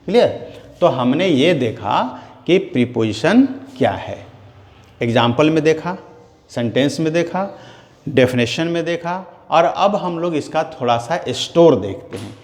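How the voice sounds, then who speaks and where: Slow, deliberate man teaching grammar. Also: a little high, lively intonation, darkish tone. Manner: slow, drawn-out dictation, asks "clear?" often; spells out words one at a time. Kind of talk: classroom grammar lesson. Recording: long hall reverb, faint noise.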